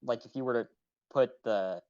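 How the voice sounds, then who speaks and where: A man's voice: medium pitch, moderate pace, darkish tone, no echo, highs cut off. A man playing along in a game chat, talking hesitantly with many restarts. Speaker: fellow player. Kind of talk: casual gameplay chat.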